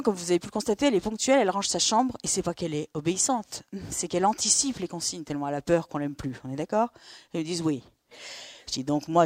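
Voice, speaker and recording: A middle-aged woman from France, a therapist, telling lively stories to an audience and acting out the dialogue. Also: lowish voice, no room sound. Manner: lively, acts out dialogue with quick asides. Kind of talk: storytelling talk to an audience.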